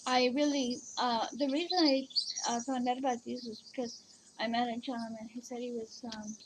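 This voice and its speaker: A woman's voice: on the high side, steady tone, normal speed, background noise. A woman casually chatting at home at her computer, rambling and hesitant, with many fillers and restarts. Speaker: vlogger reviewing virtual canes. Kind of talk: casual chat.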